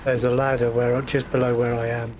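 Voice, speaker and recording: Flat-toned man gaming. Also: medium pitch, brisk, faint music behind. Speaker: co-op teammate. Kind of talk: casual gaming chat.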